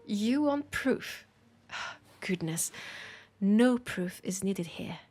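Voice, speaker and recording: A woman with a French accent, her mid-range voice expressive, is cast as a weary but passionate bookshop owner in a scripted, intimate audio roleplay spoken to the listener. Earnest and playful, she unhurriedly and pensively teases a vampire customer, pausing and sighing as she goes.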